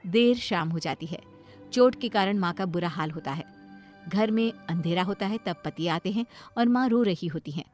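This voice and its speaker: A woman's voice: on the low side, normal speed, a little mellow, faint music behind. A woman narrating a cartoon story in a plain, scripted way.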